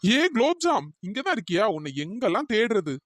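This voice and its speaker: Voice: medium pitch, sing-song, a little fast, a bit bright, a little hiss or hum. A performer voicing a persistent young male college student in a cartoon, pleading and apologetic. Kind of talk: cartoon voice acting.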